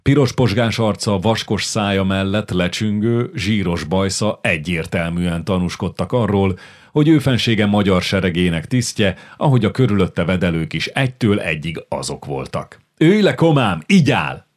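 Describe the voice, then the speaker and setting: A man narrating a historical novel in an audiobook, measured and expressive. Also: low voice. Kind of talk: scripted narration.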